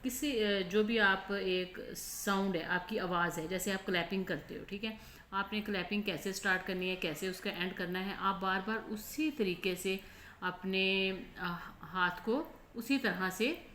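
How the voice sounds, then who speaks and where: A woman's voice: mid-range voice, fairly bright tone. Pakistani teacher woman, patient lesson voice. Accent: Pakistani Urdu. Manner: explains slowly, repeats "ठीक है?" often. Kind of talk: online lesson explanation. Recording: echoey room with faint noise.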